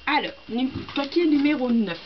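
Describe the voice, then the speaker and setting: A young woman from France with a fairly high voice, talking through an unboxing in an excitable, gushing way with plenty of hesitant fillers. The sound is dull and lo-fi, with a faint hiss underneath. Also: normal speed. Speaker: book vlogger. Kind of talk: casual unboxing chat.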